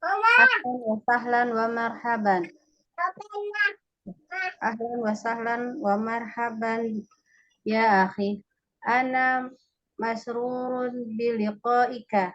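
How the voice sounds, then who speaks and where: A woman reading the part of Bilal, a friendly male colleague, in a classroom Arabic dialogue, slowly and carefully. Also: on the high side, fairly bright tone, muffled recording. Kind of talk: reading a textbook dialogue aloud.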